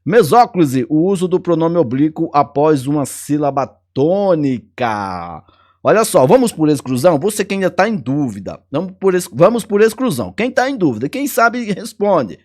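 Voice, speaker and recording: A man's voice: a little high, sing-song, normal speed, darkish tone. A man teaching a grammar lesson for an exam, chatty and playful, repeating key words and chuckling often.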